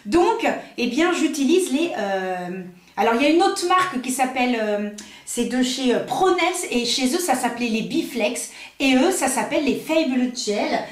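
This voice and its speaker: Unboxing while she talks, a French woman who works as a nail technician and makeup artist thinks aloud in a casual, filler-heavy way. She has a high, animated voice at normal speed, recorded with a roomy echo.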